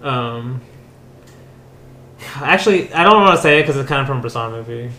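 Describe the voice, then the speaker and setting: A man co-hosting a casual film podcast, chatty and quick. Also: medium pitch, animated, pushed and bright, roomy sound. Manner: quick, chatty, laughs often. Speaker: podcast co-host.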